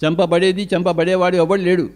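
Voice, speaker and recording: Man, spiritual teacher, fairly high voice, emphatic, rhetorical questions, birds faintly behind. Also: level tone, a little fast. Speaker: meditation teacher. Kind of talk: spiritual discourse.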